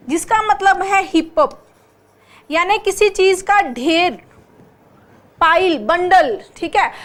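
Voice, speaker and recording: Very high-voiced woman teaching slowly. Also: fairly bright tone. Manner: explains patiently, quizzes with rhetorical questions; spells words out letter by letter. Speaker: English teacher for exam prep. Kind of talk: online exam-prep class.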